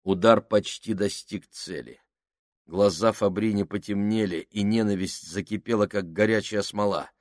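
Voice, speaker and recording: A man giving scripted audiobook narration in a steady storytelling manner. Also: lowish voice, normal speed, no room sound, clean studio sound.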